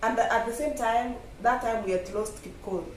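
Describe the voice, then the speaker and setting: A Kenyan woman with a Kenyan accent and a voice on the high side chats casually and reflectively about herself as a vlog guest, speaking at a normal pace and often saying "you know." The recording sounds echoey, with a distant mic and faint noise.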